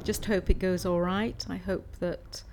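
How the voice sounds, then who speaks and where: A woman's voice: on the low side, flat delivery, measured pace, noisy background. A woman, answering interview questions conversationally and somewhat hesitantly. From Swansea, South Wales. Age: 60s. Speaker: interviewee, art student and practising artist.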